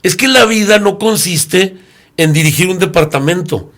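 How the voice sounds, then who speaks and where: The pastor, a man in his sixties with a Mexican Spanish accent, has a high-pitched, somewhat bright voice and talks at normal speed. Discussing a Bible lesson in sermon fashion, he narrates stories and voices the characters in them.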